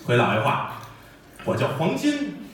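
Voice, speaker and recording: A man with a Beijing accent voicing a humble young tofu peddler who talks quietly and deferentially, on an echoey stage recording. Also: on the high side, huge pitch swings, a little slow, a little hiss or hum, full character voice. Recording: echoey stage audio from far off.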